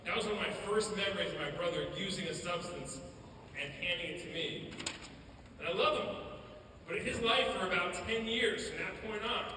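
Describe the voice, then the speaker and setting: A man's voice: high-pitched, a little fast. Man speaking in an echoey auditorium. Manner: storytelling, animated. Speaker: motivational speaker. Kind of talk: school assembly speech. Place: school auditorium. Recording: echoey hall from far off, background noise.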